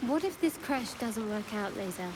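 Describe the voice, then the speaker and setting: Eine Frau als spöttische, sarkastische Gefährtin. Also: female voice, fairly high pitch, expressive, normal speed, lightly acted. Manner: dry, teasing sarcasm. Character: wry, sardonic female cleric companion. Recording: game audio with noise.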